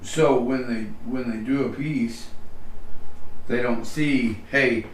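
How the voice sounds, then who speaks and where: A man talking on a casual livestream, pushing back in a halting way as he argues his point. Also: mid-range voice, fairly even intonation. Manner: halting, argumentative, pushes back. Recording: distant echoey mic with faint noise.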